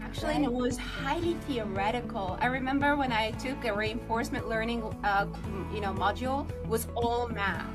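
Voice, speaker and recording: A woman from Tunisia recalls her past in a reflective way as a podcast guest. Her voice is fairly high, and clear music plays under her in this podcast clip. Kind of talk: interview storytelling.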